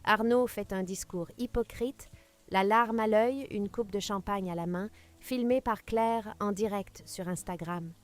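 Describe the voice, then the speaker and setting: A woman's voice: medium pitch, a little slow. A woman narrating a scripted dramatic story with suspenseful pacing.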